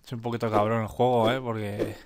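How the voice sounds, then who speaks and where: A man commentates casually on a mobile game, swearing in frustration when he fails and urging himself to keep playing. His voice is fairly low, level in tone and brisk. The background is noisy.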